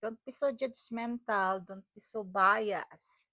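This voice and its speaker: Talking to camera, a middle-aged wellness vlogger from the Philippines, who has a Cebuano accent, rambles on casually, often laughing and saying things twice. She speaks slowly at medium pitch with a sharp tone, and there's no echo.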